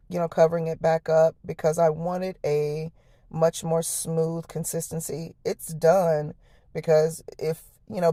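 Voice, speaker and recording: An American woman with a hoarse, low, harsh voice gives a casual, folksy cooking voice-over, chatting straight to her viewers. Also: dark tone, no room sound, studio quality. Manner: folksy, chatty, addresses viewers as y'all and honey. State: hoarse, voice lost from the night before. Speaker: home cook, vlog host.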